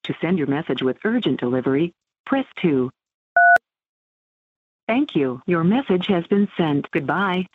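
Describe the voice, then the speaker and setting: A man's voice: fairly high pitch, expressive, slightly rough. Automated male answering machine voice. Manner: measured, instructional. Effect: answering machine message over a phone line. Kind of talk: recorded voicemail prompts. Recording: tinny phone line.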